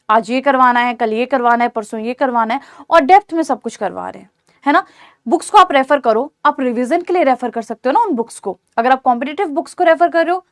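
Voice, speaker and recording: A woman's voice: sits high, dry recording, clean studio sound. A woman teacher giving an online exam-prep lecture, reassuring her students and checking in often to ask whether they follow. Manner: reassuring, repeats "theek hai" to check understanding.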